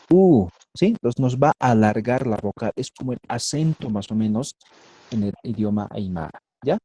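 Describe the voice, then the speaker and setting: A man leads an online language lesson over a video call, repeating syllables carefully and checking understanding after almost every phrase. His voice is dark and a bit husky, with a dry, close sound free of any room echo. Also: on the low side. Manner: patient, checks in with "¿ya?" and "¿sí?" constantly. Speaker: language teacher.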